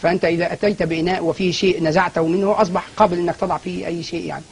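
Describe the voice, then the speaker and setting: A man's voice: sits high, flat delivery, rapid-fire, vocal fry, slight background noise. A man as a guest scholar in a studio TV interview, explaining at length with frequent restarts and fillers.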